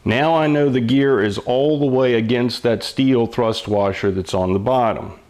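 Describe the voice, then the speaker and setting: A man's voice: mid-range voice, measured pace, a little mellow. An older man explains hands-on mechanical work step by step, like an old machinist, in a patient, folksy, plain-spoken way. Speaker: mechanic giving instruction.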